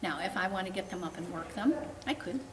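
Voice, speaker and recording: A woman's voice: fairly low pitch, lively intonation, fast, over a noisy crowd. A woman dog trainer coaching a client in a frank, plainspoken way. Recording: roomy, distant, noisy background.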